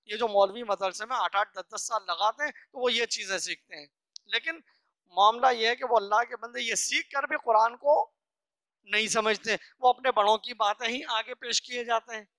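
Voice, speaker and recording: A religious teacher giving a scripture lesson, slowly reciting each phrase and then explaining it piece by piece, often asking and answering their own questions. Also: medium pitch, a bit bright, no room sound, clean studio sound. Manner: earnest, instructive, asks and answers own questions.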